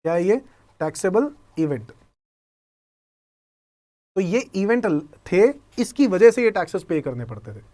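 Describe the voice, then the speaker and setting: Indian male lecturer, slightly high voice, quizzes himself in students' voices, calls the class kids. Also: sing-song, a little slow, long pauses, dark tone. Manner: asks and answers his own questions as students; mixes Hindi with English terms. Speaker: tax lecturer.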